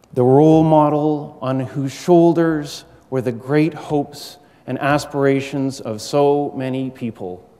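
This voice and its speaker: A middle-aged man giving a prepared formal speech as a university lecturer, measured and earnest, with deliberate rhetorical pauses. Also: mid-range voice, warm tone. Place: large university auditorium stage. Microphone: gooseneck podium microphone. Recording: echoey hall with long reverb.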